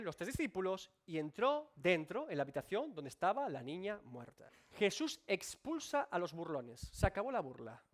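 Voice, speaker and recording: Lively high-voiced male preacher. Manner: emphatic preaching with sweeping rises and drops; addresses the congregation directly. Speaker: pastor. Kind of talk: expository sermon. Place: church.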